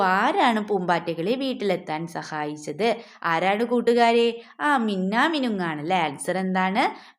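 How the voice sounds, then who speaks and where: A woman teacher going through a school question paper for young children, asking coaxing questions, answering them herself, and mixing English words in. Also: fairly high pitch. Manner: asks and then answers her own questions.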